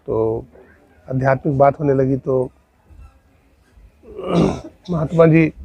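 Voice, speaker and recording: A man's voice: medium pitch, slow pace, vocal fry, dark tone, slightly rough, no room sound. A man preaching a sermon as a spiritual teacher, telling a story and asking rhetorical questions. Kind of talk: Hindi sermon with acted dialogue.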